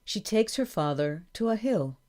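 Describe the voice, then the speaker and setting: A woman reading a storybook for learners aloud, slowly and carefully, announcing each page. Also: mid-range voice, animated, a little mellow. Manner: slow, careful, clear reading. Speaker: audiobook narrator. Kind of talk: scripted narration of a graded reader.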